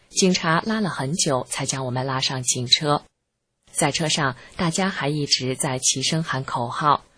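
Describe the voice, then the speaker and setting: A narrator reading a first-person account aloud in an earnest, measured way. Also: mid-range voice, a bit bright, husky. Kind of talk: scripted narration.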